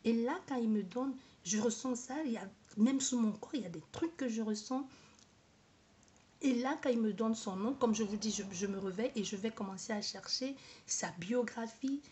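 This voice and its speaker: Halting woman with a high voice. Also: darkish tone. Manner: halting, repeats words, searches for words. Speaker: vlogger. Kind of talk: personal testimony to camera.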